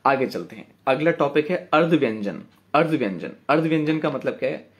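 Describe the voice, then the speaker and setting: A man's voice: mid-range voice, animated. Patient man teaching poetry meter. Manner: patient, repeats words slowly to count syllables; checks in with students often. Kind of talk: online class lecture.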